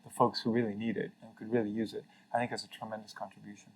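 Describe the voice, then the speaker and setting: Speaking very fast in a fairly low, slightly mellow voice with flat delivery, this middle-aged man from Mexico is a guest in a casual interview. Formerly a carbon registry CEO, he comes across as earnest and reflective, with frequent fillers and restarts. The recording is rough.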